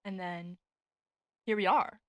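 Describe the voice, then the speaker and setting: A nineteen-year-old woman co-hosting a casual chat podcast, talking loosely with lots of "like" and quick laughs. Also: mid-range voice, steady tone, a bit bright, no echo, low-quality recording. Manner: chatty, laughs often, lots of "like". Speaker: podcast co-host. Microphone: desk podcast mic.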